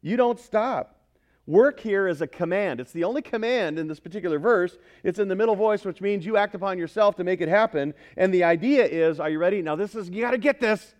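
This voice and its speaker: A man preaching a sermon as pastor, swinging between loud, emphatic exhortation and quiet earnestness, often putting questions to the congregation. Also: high-pitched, fairly quick.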